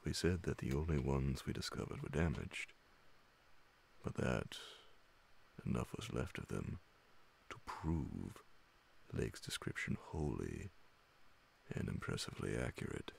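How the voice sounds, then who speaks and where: A middle-aged narrator of classic horror stories reads in ASMR audiobook style, his extremely low voice heavy with vocal fry. Wearing headphones beside a large studio condenser mic, he speaks slowly and hushed, pausing often, with a sing-song lilt and a little hiss or hum.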